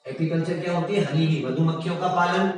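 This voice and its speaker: A man teaching a general science class online, reading out quiz options slowly and praising his students often. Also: fairly high pitch, very echoey, big-room sound, far from the mic, low-quality recording.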